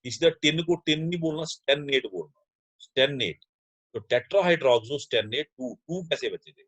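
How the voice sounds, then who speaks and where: A man's voice: fairly high pitch, lively intonation, normal speed, no echo, rough recording. Male chemistry teacher, explaining step by step. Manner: explains step by step, asks and answers his own questions; addresses students as children. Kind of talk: classroom lecture mixing Hindi and English.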